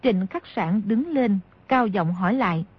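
A woman reading a martial-arts novel aloud as an audiobook narrator, in a steady, measured way. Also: medium pitch, husky, no echo. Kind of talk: scripted storybook narration. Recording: dry, dull lo-fi audio.

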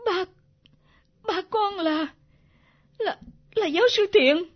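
A young daughter speaks through tears in a high voice. The radio drama sound is muffled. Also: female voice, takes it slowly. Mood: distraught. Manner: tearful, pleading. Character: young woman, grieving daughter.

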